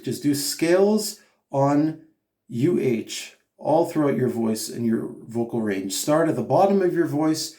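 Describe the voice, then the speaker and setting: A man's voice: fairly high pitch, warm tone, reverberant. A man teaching singing, giving patient step-by-step instruction with short hummed and sung examples. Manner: patient, explanatory, with sung demonstration notes. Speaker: vocal coach. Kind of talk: singing lesson, spoken instruction.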